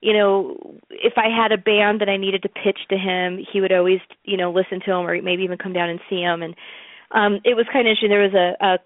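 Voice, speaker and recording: A woman music promoter, guesting on an interview, tells stories in a chatty way over a tinny phone line, with a dry recording. Her mid-range voice is steady and quick, and she uses plenty of fillers and restarts in this casual talk.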